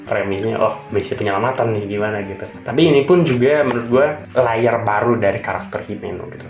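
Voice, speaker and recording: A man's voice: on the low side, quick pace, highs cut off. A young Indonesian man giving casual, chatty reaction commentary in colloquial slang with bits of English. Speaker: reaction video host. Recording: roomy echo with music behind. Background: show music playing.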